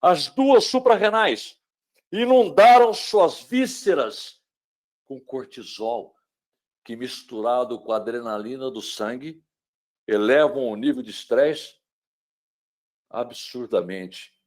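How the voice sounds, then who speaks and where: Slowly and with long pauses, the middle-aged Brazilian lecturer talks about mental wellbeing in a webinar, his voice medium-pitched. He turns dramatic, moving between loud emphasis and hushed tones while throwing rhetorical questions at the listener.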